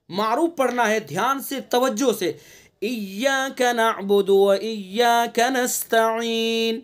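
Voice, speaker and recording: A man from India giving an online Quran recitation lesson. He explains the rules patiently, drills single sounds by repeating them, and recites verses in a slow, drawn-out chant. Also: very high voice, a bit bright.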